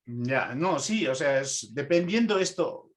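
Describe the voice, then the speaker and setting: A man's voice: a little high, animated, unhurried. A man from Peru teaching a translation class, explaining points step by step and often checking in with his students. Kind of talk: online class lecture.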